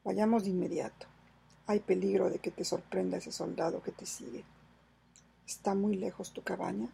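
A woman reading aloud and voicing a bold male pirate captain in a storybook adventure, firm and commanding, with a gravelly, husky voice. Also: mid-range voice, fairly even intonation, normal speed, warm tone, exaggerated voice, poor audio. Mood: resolute.

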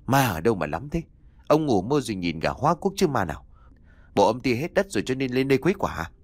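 Man as a sharp-tongued angry wife, fast scolding, dry read. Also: fairly low pitch, animated, no room sound. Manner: snapping, scornful. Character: furious, scolding woman, landlord's wife.

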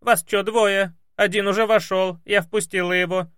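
A man voicing a loud, coarse, quarrelsome female housemaid who shouts in blunt, crude slang. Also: steady tone, moderate pace, no room sound, studio quality, lightly acted. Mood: shrill, quarrelsome. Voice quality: shrill, shouting. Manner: blunt, crude colloquial speech.

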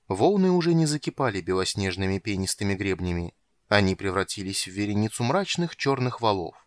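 A man narrating a fantasy adventure story in an expressive storytelling manner. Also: fairly low pitch, dry recording, studio quality. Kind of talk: scripted narration.

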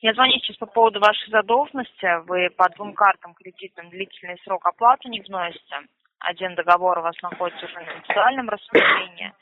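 A woman's voice: medium pitch, quick pace. A woman speaking as a bank collection agent in a formal, official customer service voice on a phone call. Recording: narrow-band, muffled telephone line.

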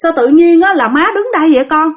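Bewildered old grandma asking what happened, higher and louder, woman storyteller doing her. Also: quick pace. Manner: bewildered questioning. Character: older grandmother, dazed and confused.

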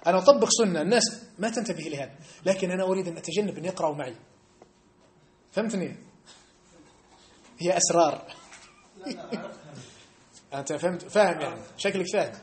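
A man teaching a lesson in a mosque, animated and argumentative, challenging his listeners directly. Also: high voice, a little fast, long pauses. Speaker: religious teacher.

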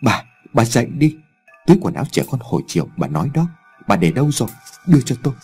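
A man voicing a guilt-haunted, volatile old farmer who stammers and shouts. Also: mid-range voice, very animated, fast, husky, faint music behind. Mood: frantic. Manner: shouting, stammering, then sobbing.

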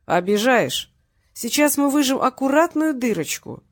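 A woman's voice: high voice, big pitch swings, a little slow, voice pushed up, heavily acted. A woman reading a blunt male gang boss who makes curt threats, in an audiobook. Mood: threatening.

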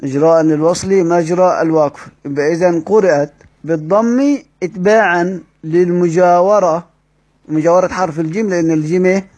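A man's voice: high-pitched, a little fast, a little mellow. A man with an Egyptian accent teaching a lesson step by step, reading out quoted passages and asking the class questions that he answers himself. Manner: explains step by step, asks the class rhetorical questions and answers them. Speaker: Quran recitation teacher.

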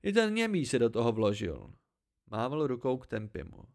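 A male reader telling a fantasy novel as a homemade audiobook, mid-pitched and steady. He keeps a calm storytelling pace through the narration.

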